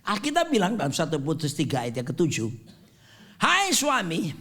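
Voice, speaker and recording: A man in his fifties preaching a sermon with a high, lively voice that leaps up and down. He delivers it dramatically, slipping in jokes and English phrases. He sounds like a pastor in a church. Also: fast talker. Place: church sanctuary.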